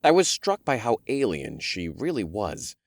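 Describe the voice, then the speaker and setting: Deep-voiced male audiobook narrator. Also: wildly swooping pitch, moderate pace, vocal fry, dry recording, studio quality. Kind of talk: first-person audiobook narration.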